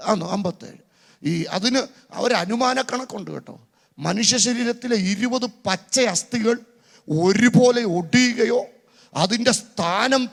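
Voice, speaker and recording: High-pitched preacher, gravelly, big echoey conference hall. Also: male voice. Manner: builds to shouted calls for the crowd to repeat. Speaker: pastor. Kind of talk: sermon. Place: large church conference hall. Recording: long reverb of a large hall.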